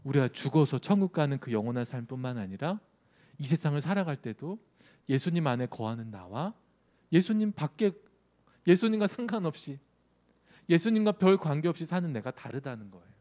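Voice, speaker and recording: Male youth pastor, sermon, conversational, questions to listeners, mellow warm tone. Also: a little high, sing-song, brisk. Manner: conversational, asks the audience questions.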